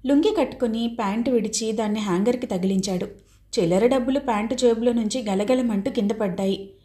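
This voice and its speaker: Woman narrating a novel, mellow tone. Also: a little high, brisk. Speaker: audiobook narrator.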